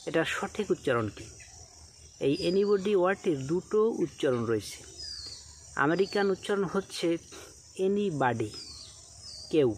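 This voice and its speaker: A man teaching English pronunciation, saying example words slowly and deliberately and repeating them with emphasis. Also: on the high side, a little hiss or hum. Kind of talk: pronunciation lesson.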